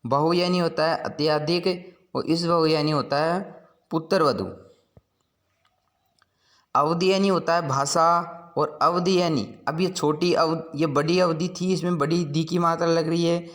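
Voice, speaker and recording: A man's voice: a little high, steady tone, a little slow. A man teaching a school lesson, patiently explaining word meanings and repeating each point.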